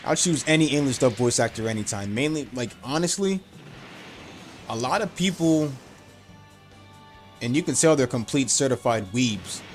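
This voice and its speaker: A man's voice: mid-range voice, animated, moderate pace, long pauses, faint music behind. A man chatting casually on a live game stream, rambling and opinionated.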